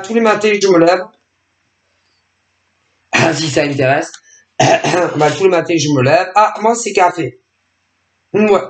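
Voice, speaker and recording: A woman hosting a tarot channel, talking to her subscribers in a rambling, sarcastic monologue full of fillers and interrupted by coughs from her allergies. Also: sits low. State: coughing, throat irritation from allergies. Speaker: tarot and oracle channel host. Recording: echoey room.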